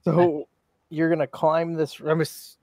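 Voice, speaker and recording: Man, tabletop player, joking, slightly high voice, dry sound. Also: level tone, a little mellow, dry recording. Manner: joking, quick quips. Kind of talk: tabletop game play.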